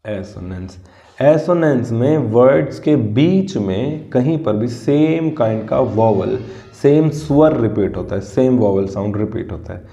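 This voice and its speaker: A male teacher walks through a grammar lesson at an unhurried, deliberate pace, stretching out example words sound by sound. His voice is very dark and mellow. It carries an echoey, somewhat dull lo-fi room sound. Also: medium pitch, animated, vocal fry. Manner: slow, spells out sounds word by word. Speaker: English teacher.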